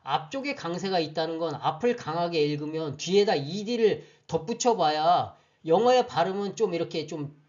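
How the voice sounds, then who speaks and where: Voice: mid-range voice, animated, normal speed, hardly any pauses, darkish tone, highs cut off. A teacher giving an online grammar lecture, explaining step by step and often checking whether listeners follow. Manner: patient, explanatory, often checks understanding with questions.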